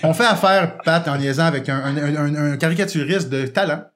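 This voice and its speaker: A man hosts a podcast in casual chat, playful and quick to laugh. His voice sits a little high. Faint noise and clicks run under the recording. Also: fairly bright tone. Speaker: podcast host.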